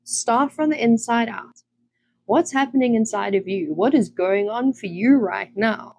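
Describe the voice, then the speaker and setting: Calm woman giving a self-help talk. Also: fairly high pitch, unhurried, gravelly, dry recording. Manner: gentle, conversational, with many fillers and restarts. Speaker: self-development podcast host. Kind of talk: reflective teaching monologue.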